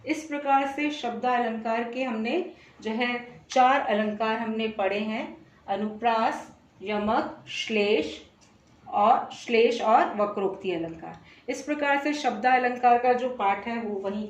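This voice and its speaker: A woman gives a recorded grammar lesson in a high voice, speaking slowly and deliberately and reciting verse examples with care. She sits some way from the mic in a roomy space that echoes. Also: far from the mic, lo-fi sound. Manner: slow, deliberate explanations with fillers "jo hai". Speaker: Hindi teacher.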